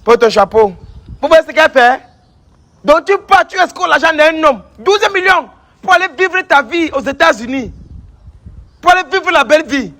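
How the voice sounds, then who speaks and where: A man acts as a traditional healer in a staged confrontation sketch, scolding, accusing, and repeating the same lines over and over. He speaks at a moderate pace in a very high, bright, forceful voice, full of animation.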